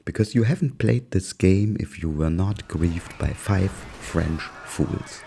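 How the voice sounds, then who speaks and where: A man's voice: low voice, takes it slowly, creaky, warm tone, slight background noise. A man with a German accent narrating his gameplay in a dry, sarcastic, amused way. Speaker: gaming YouTuber narrating gameplay. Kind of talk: casual gameplay commentary.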